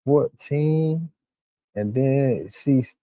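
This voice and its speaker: A man's voice: mid-range voice, very slow, mellow, no room sound. A man streaming live reactions, full of profane, exclamatory outbursts.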